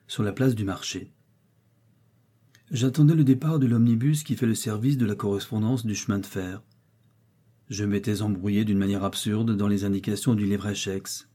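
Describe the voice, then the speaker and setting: A man reading a short story aloud in measured audiobook narration. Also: medium pitch, mellow, breathy edge.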